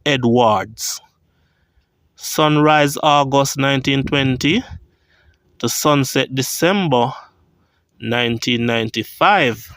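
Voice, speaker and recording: A man with a Jamaican accent, walking through a churchyard cemetery on a vlog, reading grave inscriptions aloud and thinking out loud. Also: medium pitch, takes it slowly, pauses often, dry recording. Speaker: vlogger.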